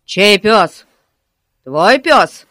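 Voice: medium pitch, moderate pace, dry recording, lightly acted. Bossy village cop who barks everything, read by an audiobook narrator; dry close sound. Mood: furious shouting. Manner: shouting orders. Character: bossy loud village policeman, man. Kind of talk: audiobook character voice.

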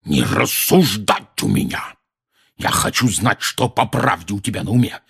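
A man voicing a bellowing, furious middle-aged uncle in an audiobook, hoarse and blustering. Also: on the low side, sing-song, moderate pace, a bit bright, exaggerated voice. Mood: furious shouting. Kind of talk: audiobook character voice.

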